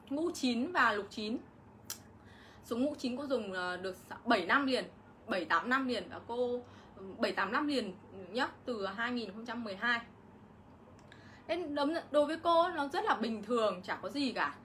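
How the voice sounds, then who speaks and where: A woman's voice: a little high, expressive, moderate pace, a bit bright, a little hiss or hum. A middle-aged woman, ranting on a casual livestream vlog and hitting back at her critics with indignation. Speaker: vlogger.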